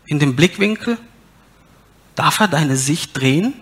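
A man's voice: on the high side, lively intonation, a little slow, husky. A man preaching a sermon, asking his listeners rhetorical questions and reading scripture aloud with emphasis.

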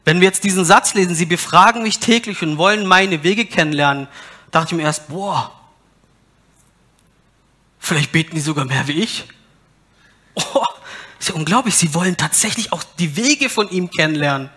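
A man's voice: high-pitched, brisk, pushed and bright. A man preaching a sermon, asking his listeners rhetorical questions and reading scripture aloud with emphasis.

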